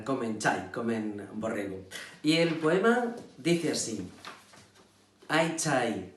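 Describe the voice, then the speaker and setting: A man reciting his own rhythmic poem in a playful, chanting way, drawing out syllables. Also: medium pitch. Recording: echoey room from far off.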